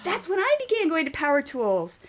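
A woman's voice: sits high, sing-song, fairly quick, slight background noise. A woman in her fifties reading her own memoir aloud at a writing workshop, telling it expressively with dramatic emphasis.

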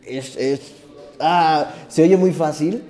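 Taking his time, a young Mexican rapper from Tabasco reflects earnestly on his life story while being interviewed casually as a guest. He has a Mexican Spanish accent and a slightly high, warm male voice.

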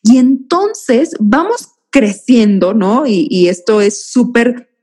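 A woman's voice: fairly high pitch, expressive, slow pace, a little mellow, slightly rough. A woman, a guest explaining feelings in a reflective, teaching way and addressing the host by name. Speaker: guest speaker on emotions. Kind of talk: explanatory conversational talk.

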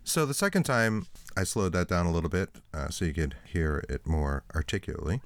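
Low-voiced man chatting on a podcast. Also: expressive, fairly quick, dry recording. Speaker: podcast co-host. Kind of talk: casual paranormal podcast chat.

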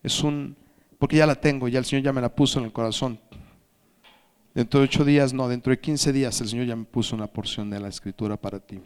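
Preacher man swinging from whispers to shouts. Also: mid-range voice, fairly even intonation, fast talker, clean tone. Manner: asks the congregation questions. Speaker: pastor. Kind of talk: sermon.

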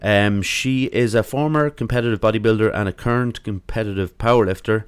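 Irish guy late 30s hosting a casual podcast, lowish, dry sound, kinda halting. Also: clear, resonant tone, no room sound. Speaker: podcast host. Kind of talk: casual interview.

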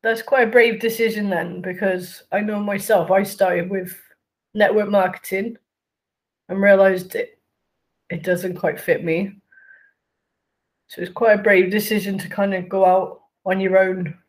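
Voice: medium pitch, little pitch movement, unhurried. A podcast host interviewing a guest in casual chat, often breaking off mid-sentence and getting a little tongue-tied while asking questions. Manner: self-interrupting, a bit tongue-tied, asks follow-up questions.

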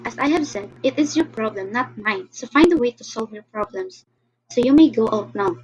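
A woman's voice: fairly high pitch, expressive, brisk, darkish tone, natural voice. A woman playing a cold, dismissive female boss in an amateur audio drama, on a dull lo-fi recording. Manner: curt, dismissive.

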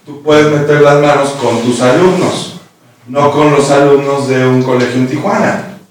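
A man's voice: mid-range voice, fairly even intonation, normal speed, slight background noise. Earnest man, echoey distant room. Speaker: panelist. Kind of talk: discussion.

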